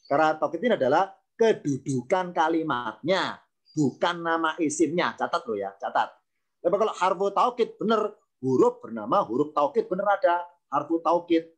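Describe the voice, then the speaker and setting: Guy teaching grammar online, slightly high voice, repeats stuff, asks the class questions. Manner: explains patiently, repeats key terms, asks students questions.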